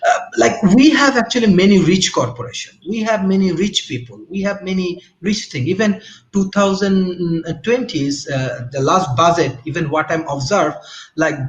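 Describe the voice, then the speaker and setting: A man's voice: on the high side, reverberant, low-quality recording. A man from Bangladesh speaking on an online panel discussion, hesitant, with many restarts and fillers. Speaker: panel guest.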